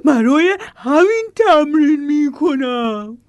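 A big, earnest bear from a children's audio story, thinking things through out loud, voiced by a woman. The voice is a touch high but soft and mellow. It is recorded dry and close. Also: expressive, dry recording.

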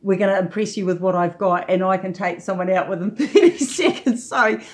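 A woman's voice: medium pitch, fairly quick. A woman talking casually as an interview guest about her own work as a trainer.

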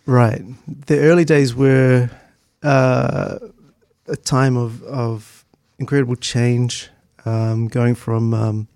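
Reminiscing as an interview guest, a middle-aged man from Christchurch, New Zealand speaks with his local accent in a conversational, hesitant, halting way that feels thoughtful. His mid-range voice is a little mellow and shows little pitch movement. The recording is dry and clean, studio-made.

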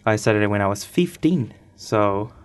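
As a guest on the radio, a nineteen-year-old man from Chile gives relaxed, reflective answers, stopping hesitantly as he talks. He speaks in a lowish voice with animation.

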